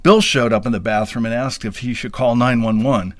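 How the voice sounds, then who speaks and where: A man's voice: medium pitch, brisk, no room sound. A man telling a funny personal story in a wry, self-deprecating, playfully dramatic way. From US Midwest. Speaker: podcast storyteller. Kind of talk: comic first-person storytelling.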